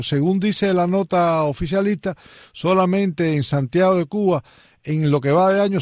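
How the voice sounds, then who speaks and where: A man hosting a news program, speaking in a measured way with frequent pauses. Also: fairly high pitch, a little mellow, no echo, studio quality. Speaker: news show host. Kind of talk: radio news interview.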